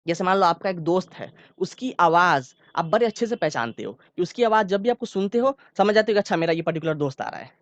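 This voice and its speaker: Speaking in a high voice with lively intonation, a man moves quickly and with few pauses through an online science lesson for school students. He explains step by step, repeats key terms casually, and keeps checking comprehension, on audio with no room sound and cut-off highs.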